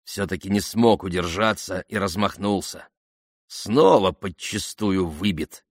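A man's voice: low voice, a little slow, dry recording, studio quality. A man voicing a grumpy, irritable old male colonel who grumbles and bursts out in outrage. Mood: grumbling.

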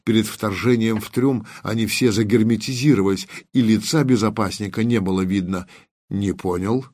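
A man narrating a science-fiction audiobook in a measured way, slowing down on descriptive details. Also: fairly low pitch, fairly even intonation, a little mellow, dry recording.

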